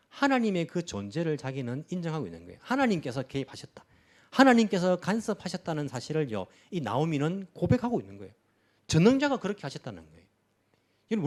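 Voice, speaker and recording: A man preaching a sermon as pastor of a church, pressing his listeners with rhetorical questions. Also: a little high. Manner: animated preaching with many rhetorical questions to the congregation. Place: church sanctuary.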